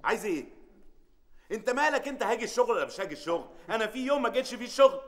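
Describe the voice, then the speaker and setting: An actor playing a short-tempered middle-aged man with an Egyptian accent, grumbling and shouting at his family and his helper. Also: sits high, big pitch swings, rapid-fire, faint music behind. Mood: irritable. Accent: Egyptian Arabic. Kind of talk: sitcom acting.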